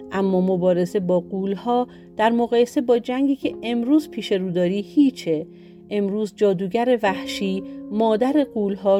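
A wise and caring young maiden gives earnest warnings in a soft, mellow storybook voice, as a woman narrator reads her part. Faint guitar music sits behind the reading. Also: mid-range voice, lightly acted.

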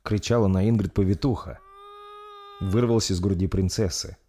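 Guy reading a fantasy audiobook, lowish voice, steady pace. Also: moderate pace, slightly rough. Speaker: narrator. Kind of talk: audiobook narration.

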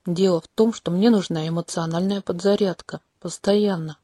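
A woman voicing a charming, manipulative male non-human prince in a home-made audiobook, speaking calmly and candidly with a faintly mocking edge. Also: on the low side, normal speed, no room sound, studio quality, natural voice. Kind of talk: audiobook character reading. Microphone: close home mic.

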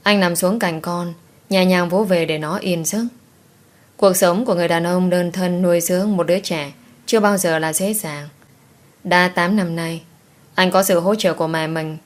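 Calm, low-pitched woman narrator. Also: moderate pace. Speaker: audiobook narrator. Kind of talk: romance audiobook narration.

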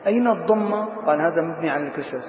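A man's voice: on the high side, very fast. Male sheikh lecturing on grammar, asks and answers his own questions; lo-fi, roomy recording with faint noise. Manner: questions students, then answers himself. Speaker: sheikh teaching Arabic grammar. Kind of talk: classroom grammar lesson. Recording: tinny lo-fi echoey hall recording.

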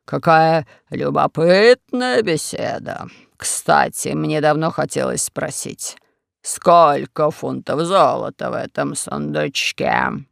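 A man's voice: on the high side, lively intonation, slow pace, vocal fry, a bit bright, dry recording, clean studio sound, pitched below the performer's own voice, heavily acted. A man voicing a sly, pompous old male castle lord in an audiobook, drawling each word with mock courtesy. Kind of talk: audiobook character voice.

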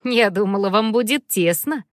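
A woman reading a children's audiobook, voicing a calm mother in a soft, measured way. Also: medium pitch, dry recording, clean studio sound, lightly acted. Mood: gentle.

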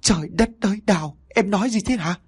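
A man's voice: mid-range voice, expressive, fairly quick, slightly rough, pitched above the performer's own voice. A man voicing a worried young husband who exclaims in alarm in a horror story. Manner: anxious, exclaiming.

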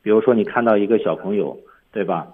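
A man's voice: lowish voice, fast talker, narrow, tinny audio. A man teaching English on a radio lesson, explaining film lines step by step.

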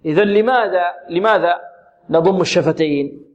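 A man teaching tajweed, who poses questions and answers them himself and repeats words slowly to demonstrate pronunciation. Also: high voice, dull audio. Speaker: Quran recitation teacher. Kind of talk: tajweed lesson with recitation examples.

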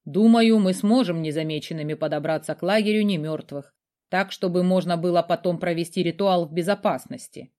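A woman's voice: on the low side, lightly acted. A woman voicing a confident young necromancer. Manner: calm, measured, confident. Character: self-assured young male necromancer. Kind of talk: audiobook character voice.

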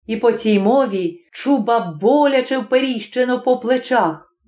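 A woman narrating a classic story as an audiobook, in slow, measured storytelling. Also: on the high side, dark tone. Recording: roomy echoing room.

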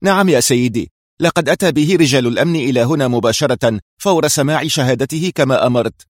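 A man's voice: medium pitch, fast talker, no echo, studio quality, voice pushed up, close to an everyday voice. A man voicing a dutiful male soldier reporting to his superior in a storybook reading.

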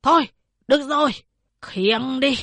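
Woman voicing a gruff bullying town chief. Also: sits high, unhurried, bright, forceful tone, dry recording, pitched above the performer's own voice, full character voice. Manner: gruff, scolding, barking.

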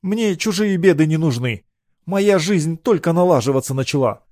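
A man's voice: fairly high pitch, expressive, moderate pace, dry recording, clean studio sound, pitched above the performer's own voice, natural voice. A man playing a curt cold young apprentice. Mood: cold rebuff. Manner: terse, harsh, hushed.

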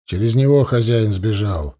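A man voicing Arii, a calm, practical archer speaking low and level. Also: moderate pace, close to an everyday voice. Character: calm grown male archer, matter-of-fact.

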